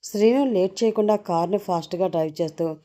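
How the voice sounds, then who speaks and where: A woman's voice: medium pitch, fast talker. A woman hosting her channel and narrating a serialized story, expressively acting out its characters. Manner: expressive, switches voices for characters.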